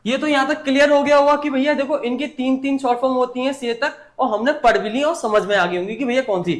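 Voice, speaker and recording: A man's voice: very high-pitched, quick pace. A young man teaching a writing lesson at a board, patiently asking and answering his own questions. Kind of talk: whiteboard lesson.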